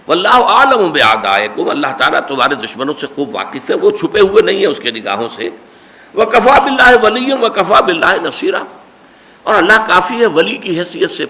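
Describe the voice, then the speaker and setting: A man giving a scripture commentary lecture. He recites verses and then explains them emphatically, rising to stress points and dropping low for asides. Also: pushed and bright. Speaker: Quran teacher.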